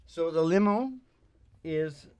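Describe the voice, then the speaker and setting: Slowly and animatedly, a man in his sixties talks in a slightly high, warm, clear and resonant voice with no echo. A musician and show host on a small curtained indoor stage, he uses a close stand mic over live acoustic guitar picking, spinning rambling, folksy, laid-back banter with trailing-off asides.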